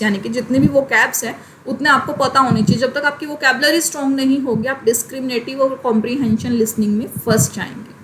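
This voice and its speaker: A young woman teaching a class, explaining in Hindi, reading English passages slowly and checking in often with "theek hai". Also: a little high, slight background noise, poor audio. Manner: frequent "ठीक है" check-ins. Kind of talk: online class lecture.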